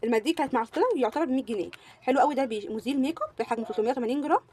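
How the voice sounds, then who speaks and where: A woman's voice: sits high, racing, a little mellow. A young woman with an Egyptian Arabic accent, gushing through a casual beauty product review and repeating words for emphasis. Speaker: beauty vlogger.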